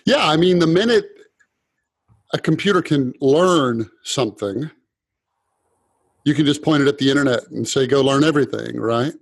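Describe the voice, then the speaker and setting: A man's voice: medium pitch, expressive, moderate pace, gravelly, long pauses, husky, dry recording. A man hosting an interview podcast, asking long, curious questions and thinking aloud as he goes. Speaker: podcast host.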